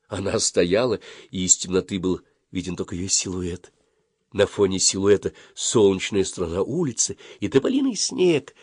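A man reading a story aloud in an expressive, storytelling manner. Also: low voice, normal speed, husky, no room sound, clean studio sound. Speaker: narrator. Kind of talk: audiobook reading.

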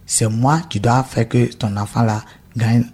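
A man from Burkina Faso telling his conversion testimony in an interview, halting and repeating himself as he acts out the dialogue. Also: medium pitch, steady tone, a little mellow, slightly rough. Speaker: guest giving a conversion testimony. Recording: radio studio.

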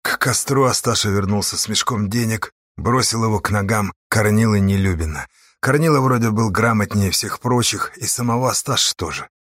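A man reading a novel aloud in steady, measured narration. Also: fairly low pitch, no room sound, clean studio sound. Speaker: audiobook narrator. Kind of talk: scripted narration.

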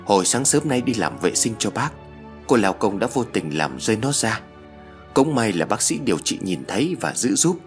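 A man's voice: fairly low pitch, sing-song, normal speed, soft background music. A man voicing a polite, soothing young female nurse in a spoken ghost story.

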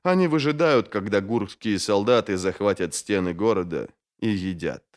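A man doing a hushed, grave old mage. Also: animated, lightly acted. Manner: slow, low, hushed. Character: calm weary old male mage, grave.

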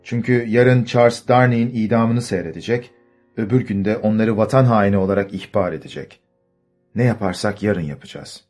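A grave, determined young man, as a male narrator voices him in an audiobook. He speaks urgently and gives orders in a low voice. Faint music sits underneath. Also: moderate pace, darkish tone, close to an everyday voice.

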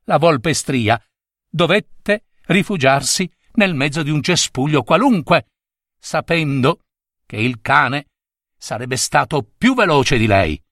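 Slow, animated male storyteller. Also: on the high side, no echo, studio quality. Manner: theatrical, animated. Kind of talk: expressive storybook narration.

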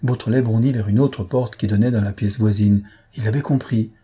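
Husky-voiced male audiobook narrator. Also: on the low side, steady tone, a little fast, warm tone. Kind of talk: scripted narration.

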